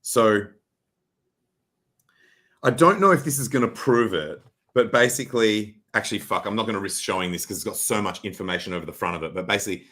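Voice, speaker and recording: A man's voice: on the low side, brisk, pushed and bright. A man appearing as a guest on a livestream, talking loosely with swearing, laughter and frequent restarts over a video call. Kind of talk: casual livestream chat.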